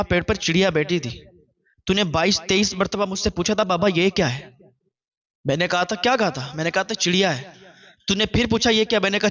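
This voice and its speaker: A man voicing a patient, elderly father who speaks softly and pleadingly to his son. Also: lo-fi sound. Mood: hurt, reproachful. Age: older. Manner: soft, pleading, low. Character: gentle old father, patient, tearful.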